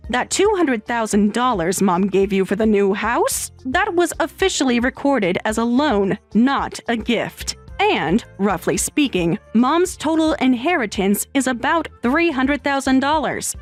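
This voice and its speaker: A woman voicing a stern, scornful sister-in-law in a dramatized text story, low and measured. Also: sing-song, faint music behind.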